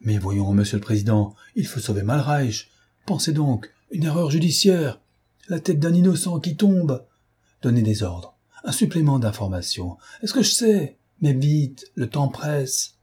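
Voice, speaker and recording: A man playing a fierce, commanding gentleman thief in an audiobook, speaking urgently and imperiously. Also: on the low side, expressive, moderate pace, breathy edge.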